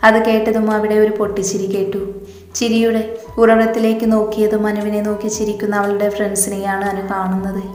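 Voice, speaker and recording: A woman narrating a romance novel in a steady reading voice. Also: mid-range voice, fairly quick. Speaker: story narrator. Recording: echoey room with long reverb. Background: faint music.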